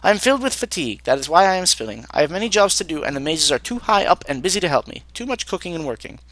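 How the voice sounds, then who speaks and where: A man's voice: on the high side, big pitch swings, quick pace, fairly bright tone, a little hiss or hum, pitched above the performer's own voice. A man voicing a tired, overworked male Vahnatai cook who speaks in a stiff, formal way and grumbles about his workload. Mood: weary. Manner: tired, complaining, formal stilted speech.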